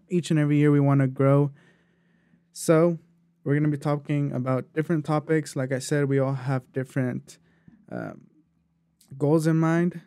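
A man's voice: mid-range voice, dark tone, no room sound, clean studio sound. A man hosting his own podcast, talking loosely and chattily with plenty of fillers while he eats a meal. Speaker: podcast host. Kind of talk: casual solo podcast talk.

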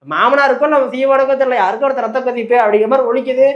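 A host giving satirical commentary, telling the story in a fast, mocking way. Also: high-pitched. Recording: roomy, slightly dull recording.

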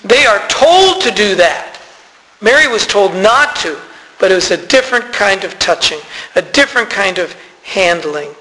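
A man's voice: high-pitched, lively intonation, normal speed, pushed and bright, long reverb tail, poor audio. A man preaching a sermon in a conversational way, calling out to the congregation for responses. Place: church sanctuary.

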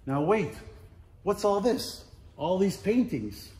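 A middle-aged man giving a casual walking tour of a large warehouse as an auctioneer, chatty and playful, listing items in quick repeats. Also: sits high, very animated, darkish tone. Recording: roomy warehouse echo, faint background noise.

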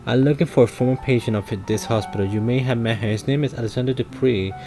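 A man's voice: medium pitch, fast talker, faint music behind, natural voice. A man voicing a formal, polite doctor, reading his game lines aloud plainly. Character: formal male doctor investigator.

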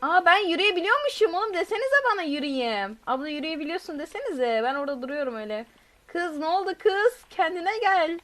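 A woman's voice: extremely high pitch, expressive, fast talker, fairly bright tone. A woman streaming a game live, chatting with viewers, reading their messages aloud and shrieking when chased. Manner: reads chat messages aloud. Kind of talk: live gameplay commentary.

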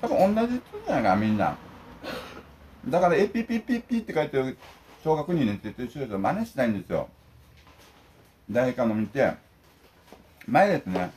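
Indignant older man, lively pitch. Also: moderate pace, long pauses, slight background noise. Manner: indignant, emphatic, lecturing the viewers. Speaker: vlogger. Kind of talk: ranting while eating lunch.

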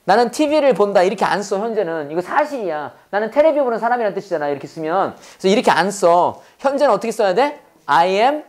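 A very animated man with a high voice lectures an English class at a quick pace, barely pausing. He has students repeat after him, repeats phrases himself, and asks questions only to answer them himself.

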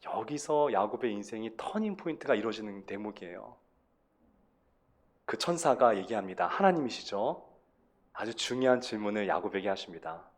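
A man's voice: lowish voice, lively intonation, normal speed. Male pastor giving a sermon, punchy stresses, keeps asking the room questions. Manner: emphatic, with rhetorical questions and rising stresses.

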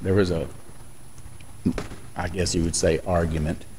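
A man's voice: deep voice, flat delivery, unhurried, darkish tone, slight background noise. A man touring an abandoned school, chatting curiously and often restarting his sentences. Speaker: urban explorer host. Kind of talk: casual walkthrough chat. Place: inside an abandoned school building.

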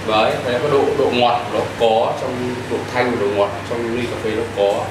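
A man's voice: mid-range voice, little pitch movement, moderate pace. A man in his thirties, a cafe owner, answering interview questions earnestly with many hesitant fillers, inside a small cafe. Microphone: far camera. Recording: echoey room, from far off, noisy.

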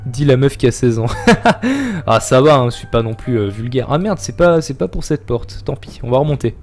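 A man's voice: mid-range voice, brisk, a little mellow, soft background music. A young man chatting and joking as he streams a horror game, reading chat and yelping at scares. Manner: chatty, jokey, reacts with yelps and laughs. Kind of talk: live gameplay commentary.

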